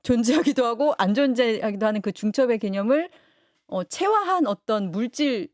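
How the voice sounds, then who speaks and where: A woman's voice: on the high side, expressive, moderate pace, a little mellow, no room sound. A woman hosting a studio interview, rephrasing the guest's points as questions for her viewers. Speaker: host.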